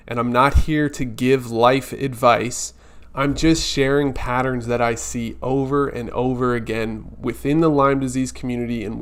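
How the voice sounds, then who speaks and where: A man's voice: medium pitch, fairly bright tone. A man hosting a weekly live stream, talking casually and earnestly, reassuring viewers directly.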